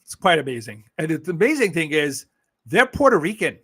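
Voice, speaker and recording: He has a fairly high, sing-song voice that's a little fast and fairly bright, with a breathy edge. A political livestream host from Brooklyn with a New York accent, he chats casually, bluntly and sarcastically, swearing freely and laughing a lot.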